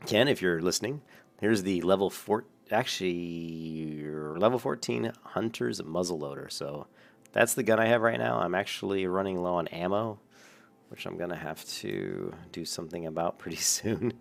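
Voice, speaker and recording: Deep gravelly-voiced man chatting casually. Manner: chatty, rambling, self-correcting. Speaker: gaming channel host. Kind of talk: casual gameplay commentary. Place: home room at a large desk. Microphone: desk mic.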